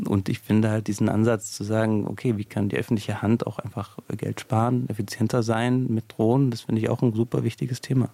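A man's voice: on the low side, flat delivery, fairly quick, gravelly, few pauses, warm tone, no room sound. A male sociologist explaining in a radio interview, thinking aloud with fillers as he goes. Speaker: sociologist guest.

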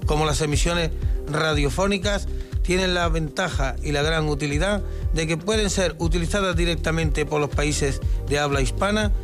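A man's voice: on the high side, normal speed, music in the background. A man giving a formal, official speech on archival radio.

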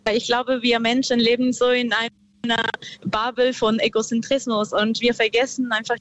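A woman from Peru, calling in to a radio show from her car and speaking slowly and thoughtfully, with many pauses. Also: on the high side, little pitch movement, lo-fi sound, a little hiss or hum. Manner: slow, thoughtful, hesitant. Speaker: caller. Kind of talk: radio call-in.

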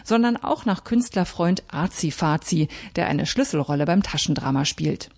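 A woman literary critic delivering a scripted radio book review in a measured, articulate way. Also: lowish voice, animated, a little mellow.

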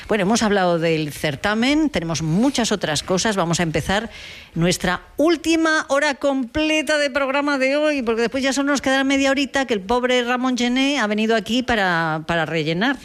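A woman hosting a live radio show from a busy library, stretching words for emphasis. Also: mid-range voice. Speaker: radio host. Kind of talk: live radio broadcast on location. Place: public library during a live event.

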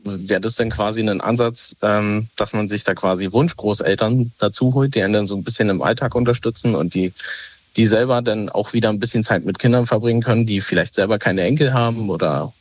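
Hesitant caller on a dull phone line. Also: male voice, lowish voice, fairly quick, dry recording. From Berlin, Germany. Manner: hesitant, lots of fillers and restarts. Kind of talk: casual phone-in chat. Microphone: telephone.

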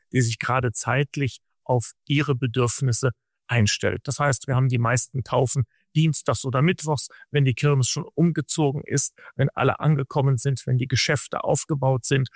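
Man, gravelly timbre, measured long answers, dry close mic, radio interview. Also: medium pitch, no room sound. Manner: measured, explanatory, long sentences.

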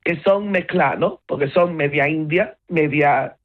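A little slow and low-voiced, a middle-aged Gibraltar woman with a Llanito accent chats in a relaxed interview, mixing Spanish and English within sentences. The audio is tinny, like a phone line.

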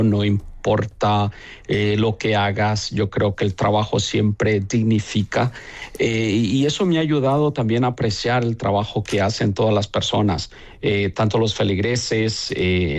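A man from El Salvador, a bishop, answering interview questions slowly, with many pauses and fillers. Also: fairly low pitch.

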